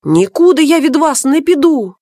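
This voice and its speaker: A woman's voice: high voice, very animated, moderate pace, mellow, no room sound, clean studio sound. A woman voicing a stubborn, cheerful young male hunting dog in a storybook reading, sulky and defiant. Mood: hurt.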